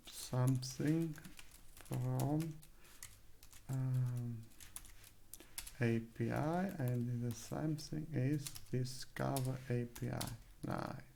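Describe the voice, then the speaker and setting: A man's voice: mid-range voice, gravelly, dark tone, slight background noise. A man narrating a live coding screencast, thinking aloud with many fillers and self-corrections, at a desk microphone. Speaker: coding tutor. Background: keyboard typing and clicks.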